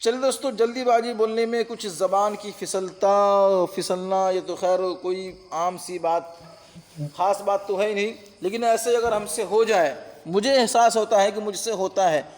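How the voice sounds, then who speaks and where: A man's voice: sits high, fairly even intonation, moderate pace, long reverb tail. A man teaching an online exam-prep lesson on translation, patient, repeating terms and checking that listeners follow. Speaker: Urdu-Hindi translation teacher.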